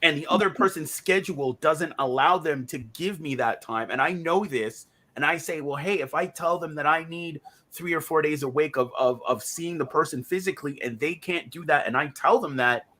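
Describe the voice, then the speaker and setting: Husky, bright-voiced male podcast host. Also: fairly high pitch, normal speed, hardly any pauses. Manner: reflective, talks in hypotheticals and examples. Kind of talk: casual conversation.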